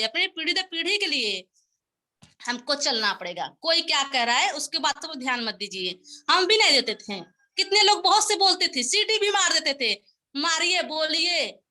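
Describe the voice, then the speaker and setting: A woman addresses a meeting in a high, bright voice and builds her case through homely parables. She circles back over the same phrases to drive each lesson home, exhorting her listeners to keep going. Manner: folksy, repetitive, exhorting. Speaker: motivational speaker at a sales meeting. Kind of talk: motivational speech with parables.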